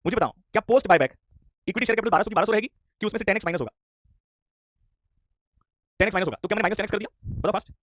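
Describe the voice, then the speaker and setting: A hoarse male teacher giving an online lecture, scolding and quizzing his students and repeating himself. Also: high voice, racing, long pauses, a bit bright, dry recording. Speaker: commerce teacher.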